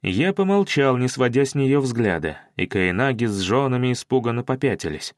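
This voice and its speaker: Мужчина читает аудиокнигу от первого лица, выразительно и с живой интонацией. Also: male voice, mid-range voice, lively intonation, moderate pace, no echo, studio quality. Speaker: audiobook reader. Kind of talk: scripted first-person narration.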